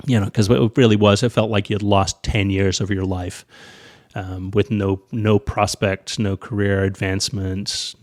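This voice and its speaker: A man with a Northern Irish accent, an airline pilot guest in a casual interview, telling stories animatedly and acting out the people he quotes. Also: moderate pace. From Northern Ireland. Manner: animated storyteller, acts out quoted voices with big pitch jumps.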